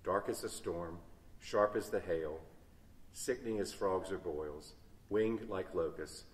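Deep-voiced man reading a story in a church. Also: slow pace. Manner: dramatic, varying loudness. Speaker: story reader. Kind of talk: expressive read-aloud storytelling. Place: large church. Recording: echoey church hall, distant mic.

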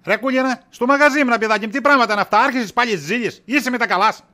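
A man's voice: very high-pitched, pushed and bright. A man playing a weary, evasive husband. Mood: exasperated. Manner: exasperated, dodging, wisecracking. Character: tired, evasive shopkeeper husband, middle-aged. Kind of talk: comedy sketch acting.

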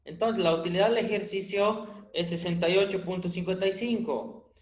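A man's voice: high-pitched, steady tone, moderate pace. A man teaching a finance class online, quizzing students by name and teasing them with dry jokes when they stay silent. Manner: questioning, teasing humor. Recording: roomy echo.

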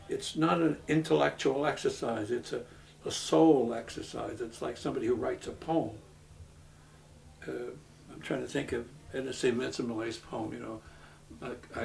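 A man, from Brooklyn, speaking earnestly in a documentary interview, halting with many restarts. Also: mid-range voice, creaky. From Brooklyn, New York. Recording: voice from a distance off the mic.

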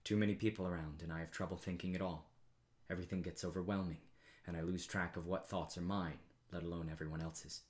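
A man reads his own novel aloud, measured and low-key. His voice is very deep. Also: fairly even intonation. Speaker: author reading his novel. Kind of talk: audiobook narration.

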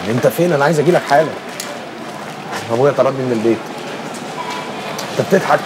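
A man playing a brusque young Egyptian man in a classic film, talking quickly. Street noise and passing traffic are clear behind him. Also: medium pitch, lightly acted. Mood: hurried. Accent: Egyptian Arabic. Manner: curt, hurried. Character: young man thrown out by his father.

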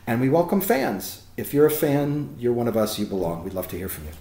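A man's voice: mid-range voice, a little fast, roomy sound. A man, a guest who organizes film location tours, talking in an enthusiastic, expansive interview manner. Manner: animated and expansive, rising emphasis.

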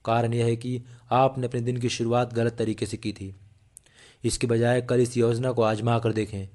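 Guy reading an audiobook, earnest and steady, mid voice, trips on a word now and then. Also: medium pitch, moderate pace. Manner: steady, earnest reading with small slips and restarts. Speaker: audiobook narrator. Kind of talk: scripted audiobook narration.

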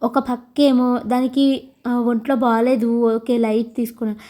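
A hoarse woman, a mother, venting in a casual vlog and asking her viewers questions. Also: a little high, level tone, normal speed, mellow. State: hoarse from shouting. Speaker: vlogger and mother. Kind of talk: casual confessional vlog chat.

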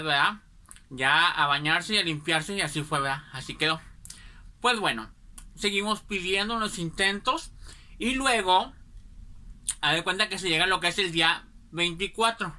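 Lady rambling thru a childhood story, super bright sharp voice, chatty. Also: fairly low pitch. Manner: chatty, rambling, keeps asking ¿verdad?. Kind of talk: casual anecdote telling.

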